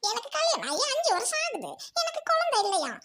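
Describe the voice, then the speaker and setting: Woman playing a tearful young wife, very high and creaky. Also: huge pitch swings, brisk, very noisy, heavily acted. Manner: pleading, repeats "aunty" (mother-in-law) again and again. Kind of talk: family melodrama skit.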